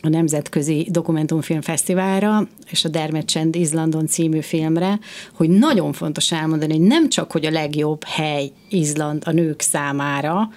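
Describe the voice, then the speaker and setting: A woman hosting a casual discussion, talking passionately and emphatically in quick bursts, a mother of two. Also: low-pitched, darkish tone.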